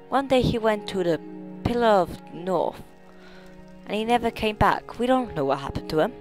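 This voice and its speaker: A gamer voicing a cheery villager in a put-on Welsh accent, with a sing-song, halting delivery. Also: mid-range voice, voice pushed up. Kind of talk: improvised character voice in a game video.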